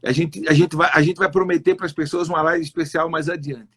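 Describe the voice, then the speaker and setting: A man's voice: fairly high pitch, fairly even intonation, fairly quick, pushed and bright, slightly rough. A man hosting a live-stream interview, asking long, rambling questions full of restarts. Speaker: host, consultant. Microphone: online live stream.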